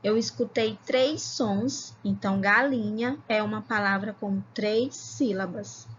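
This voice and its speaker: A woman from Ceará teaching a children's video lesson, calling herself "tia" and sounding out words slowly, syllable by syllable. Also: mid-range voice, lo-fi sound, a little hiss or hum. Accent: Brazilian Portuguese, Ceará. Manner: slow, syllable-by-syllable reading, calls herself "tia". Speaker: primary school teacher.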